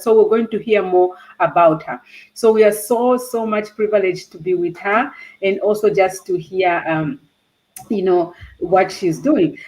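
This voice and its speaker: A woman hosts an online interview with a guest, talking eagerly and repeating herself often. Her voice is mid-pitched and ordinary, and she fills her pauses with "um" and "you know". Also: darkish tone, low-quality recording. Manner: eager, repetitive, many "um" fillers. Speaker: host of a STEM channel. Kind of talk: interview hosting.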